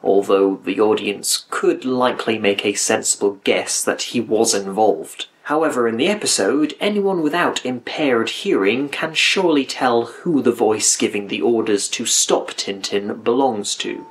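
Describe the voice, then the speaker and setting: A man's voice: on the low side, unhurried, few pauses, slight background noise. A man reading scripted review narration with dry, critical asides. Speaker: video essay narrator.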